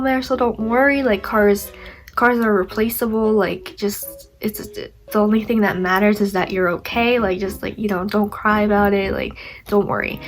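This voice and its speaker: In a rough recording, a young woman vlogger with a mid-range voice and a blocked nose tells a story casually. Her delivery is chatty and meandering, heavy on "like," with self-deprecating asides.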